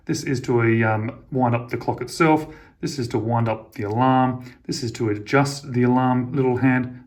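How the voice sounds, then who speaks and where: Man, casual product review, chatty, enthusiastic, mid-pitched voice. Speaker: watch and clock reviewer.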